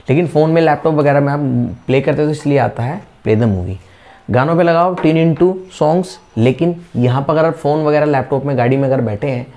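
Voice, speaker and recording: A man's voice: on the high side, a little mellow. Indian male English teacher, patient explainer. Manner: explains patiently, repeats example phrases slowly. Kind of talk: spoken English lesson.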